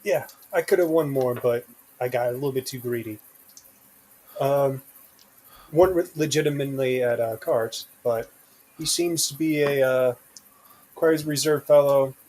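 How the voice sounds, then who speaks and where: A man's voice: mid-range voice, a little mellow. Male tabletop player, mid-range voice, understated, hesitant delivery. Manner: halting, understated. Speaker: tabletop role-playing player. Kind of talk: hesitant in-character tabletop chat.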